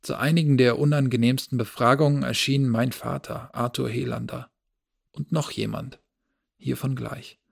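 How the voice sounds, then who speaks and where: A man reading a novel aloud as a first-person narrator, in a measured, low-key storytelling manner. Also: fairly even intonation, creaky, breathy edge. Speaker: audiobook narrator.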